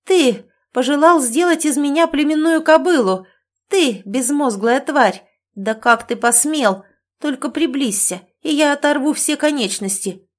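A woman reading the part of a furious, defiant young woman who shouts and snarls threats. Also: sits high, a little slow, voice pushed up.

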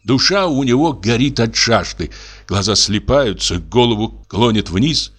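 A man calmly narrating a classic short story as an audiobook. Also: medium pitch, measured pace.

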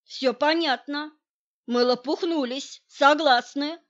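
A woman's voice: high voice, slow pace, dull audio, voice pushed up. A woman reading the lines of an insistent man who reproaches his partner for hiding information. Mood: reproachful. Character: pushy man demanding shared information.

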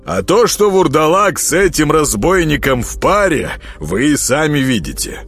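Man doing a spiteful squeaky little prosecutor, officious, lively up-and-down voice. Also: moderate pace, husky, soft background music, full character voice.

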